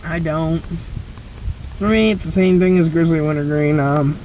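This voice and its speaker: A young man from Maine chatting casually and haltingly to viewers, rambling as he gives an amateur review. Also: a little high, background noise. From northern Maine, United States. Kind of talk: casual vlog chat.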